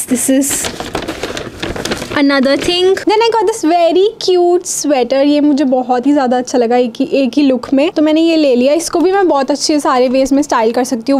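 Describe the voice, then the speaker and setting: A young woman in her twenties with an Indian accent, chatting quickly through a clothing haul and switching between Hindi and English. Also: high-pitched, darkish tone. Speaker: fashion vlogger. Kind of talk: try-on haul chat.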